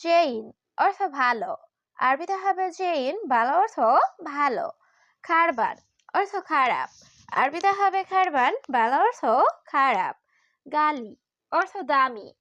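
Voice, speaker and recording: A woman teaching vocabulary with a high, lively voice that rises and falls a lot. She speaks slowly and steadily in a measured, repetitive drill, and the recording sounds dull, dry and lo-fi. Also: no room sound. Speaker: Arabic language teacher. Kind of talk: slow vocabulary drill lesson.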